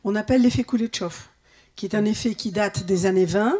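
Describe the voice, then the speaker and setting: A woman's voice: medium pitch, fairly quick, dark tone. Female film scholar, average register, explaining a point spontaneously at an academic talk.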